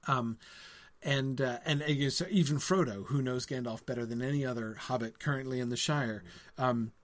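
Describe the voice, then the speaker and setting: A man's voice: mid-range voice, steady tone, moderate pace. A man hosting a live book discussion, answering viewers. He talks in a hesitant way, with many ums, and ends his points with "right?". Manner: reads passages aloud between comments. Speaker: host of a book discussion stream.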